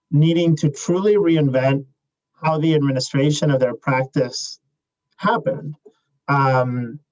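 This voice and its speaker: A young adult man from Chile, a startup CEO answering interview questions in a measured way, with many fillers and restarts. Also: a little high, a little mellow, dull audio.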